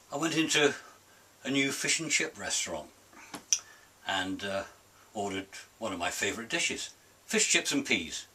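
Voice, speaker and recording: A man's voice: on the low side, sharp tone. An older British man delivering a comic grumbling monologue in an indignant, curmudgeonly grumpy-old-man manner, emphatic, with a slight hiss on his S sounds. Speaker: host of a comic rant series. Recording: distant mic with faint hiss.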